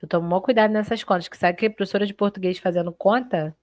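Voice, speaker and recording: In a clean, dry studio recording, a fast-talking woman with a medium-pitched voice teaches a live online Portuguese exam-prep class. She keeps it chatty and lively, speaking straight to students and frequently checking in.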